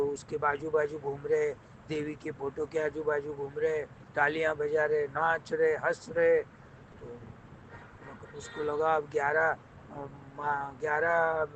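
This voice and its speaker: A man telling a moral folk tale in a lively, conversational way, often repeating phrases. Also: fairly high pitch, slight background noise, low-quality recording. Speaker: storyteller.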